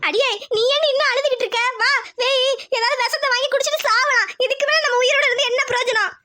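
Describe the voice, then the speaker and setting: A woman's voice: very high voice, fairly even intonation, fast talker, sharp tone. Woman voicing a wailing, hopeless village mother. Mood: despairing.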